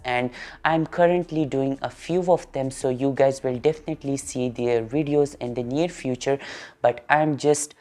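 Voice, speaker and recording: Deep-voiced Pakistani woman vlogger. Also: warm tone. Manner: earnest, simple phrasing with repeated intensifiers. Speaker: doll artist answering viewer questions. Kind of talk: casual Q&A vlog.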